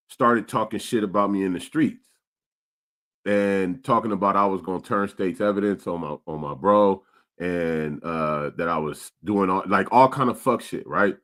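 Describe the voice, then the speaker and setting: This man's voice sits on the low side and has a slight brightness. In his forties and from Stockton, California, he co-hosts a casual podcast, where he spins street stories and reads the live chat comments out loud in a streetwise, storytelling way, often repeating himself.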